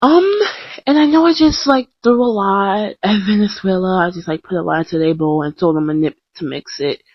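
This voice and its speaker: A young woman talks fairly quickly at a medium pitch in a chatty podcast way, self-deprecating and restarting often with lots of ums. Recorded dry on a close mic at home, the sound is dull and lo-fi, with a blank screen.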